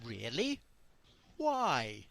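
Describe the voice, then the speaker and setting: An actor reading a calm police sergeant who questions people slowly and soothingly, in a children's play read over a video call. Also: medium pitch, creaky, exaggerated voice.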